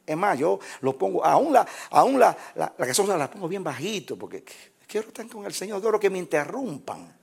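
A man preaching a sermon, swinging from shouted praise to hushed prayer. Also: high-pitched, sing-song, moderate pace, vocal fry, slightly rough.

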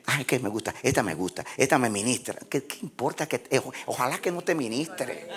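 A man preaching a sermon, swinging from shouted praise to hushed prayer. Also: medium pitch, expressive, a little fast, breathy edge.

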